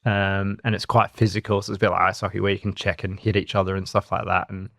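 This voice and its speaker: A man in his thirties with an Australian accent, co-hosting a podcast and telling his story in a relaxed, rambling way. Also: sits low, fast, vocal fry, dry recording, studio quality. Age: 30s. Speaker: co-host. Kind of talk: casual podcast chat.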